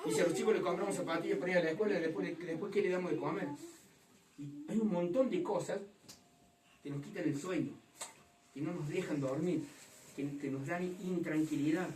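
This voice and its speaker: A woman preaching a fervent sermon to a congregation, rising to loud emphatic passages. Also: on the low side, brisk, a crowd in the background. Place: church hall. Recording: echoey hall from far off.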